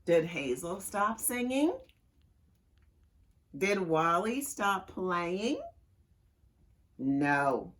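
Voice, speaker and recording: Woman librarian, children's story time, unhurried, sing-song, lively pitch. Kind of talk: children's story time, reading aloud and leading movement games.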